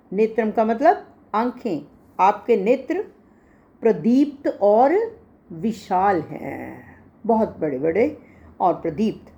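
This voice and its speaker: A woman leads a recitation lesson, chanting each line slowly and stopping to explain pronunciation and meaning. Her voice is soft and mellow, and she speaks at an unhurried, deliberate pace. The recording sounds a little dull and lo-fi. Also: medium pitch. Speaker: Gita recitation teacher.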